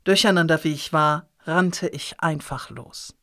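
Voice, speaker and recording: A man reading a first-person novel aloud in an expressive, dramatic narration style. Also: fairly high pitch, a little slow. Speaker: audiobook reader.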